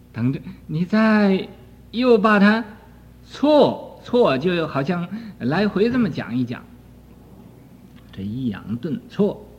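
An older man gives a dharma lecture on a sutra commentary in a high, lively voice, stretching his words slowly and dropping "ah" between phrases. He swings from near-whispers to sudden loud rises. The dull archival recording has a long hall reverb.

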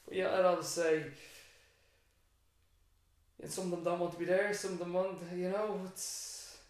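An Irish secondary school teacher, a man appearing as an interview guest, thinks aloud in a reflective, rambling way, restarting often. He has a high voice with flat delivery at normal speed. The room is very echoey.

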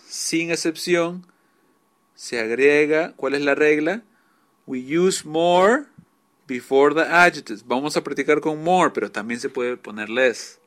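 A man's voice: fairly high pitch, fairly bright tone. A man teaching English grammar, patiently explaining each rule and repeating examples in two languages.

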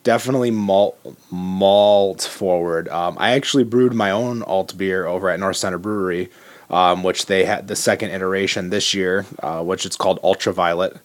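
A man chatting as a guest about brewing and podcasts, rambling with many pauses and fillers. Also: deep voice, fairly even intonation. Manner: rambling, many ums and restarts. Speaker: homebrewer guest. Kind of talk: casual podcast chat.

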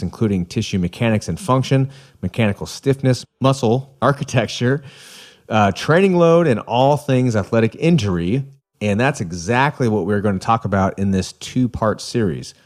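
Hosting a podcast, a man with a fairly low, slightly mellow voice reads an upbeat scripted intro, then slips into casual chat full of self-deprecating jokes.

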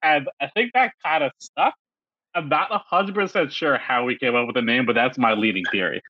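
A man's voice: mid-range voice, fairly quick, dry recording, lo-fi sound. A man co-hosting a casual podcast, talking in a loose, rambling way with plenty of fillers. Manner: animated, rambling with many fillers. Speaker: podcast co-host.

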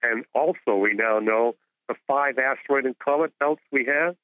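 A man speaking as a guest expert in an interview, explaining science in a measured, didactic way over a narrow phone-like connection. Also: medium pitch, no room sound. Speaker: guest expert, astronomer and author. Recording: phone-like narrow-band radio call.

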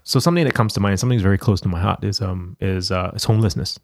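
A man's voice: low-pitched, racing, a little mellow, no echo, studio quality. A man from Singapore in casual chat, rambling with many restarts and fillers.

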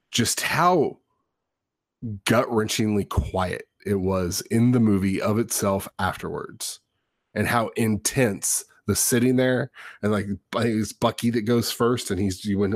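Low-voiced man telling a story, dry sound. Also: no echo. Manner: animated, rambling storyteller with many restarts. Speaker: podcast co-host; father. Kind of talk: casual podcast chat.

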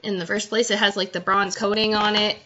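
A woman chatting casually, telling an animated story and quoting people as she goes. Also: mid-range voice, a little fast, noisy background. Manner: animated storytelling with quoted voices. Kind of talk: casual chat. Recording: dull lo-fi sound.

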